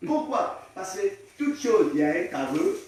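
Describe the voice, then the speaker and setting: A male pastor preaches with a fairly high voice, urging his congregation to answer him back and now and then rising to a shout. His voice booms around a big, echoing church. The mic sits well away from him. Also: big pitch swings, moderate pace. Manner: exhorting, repeats lines for the crowd to echo, breaks into shouts. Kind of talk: call-and-response sermon. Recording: very echoey hall, mic far off.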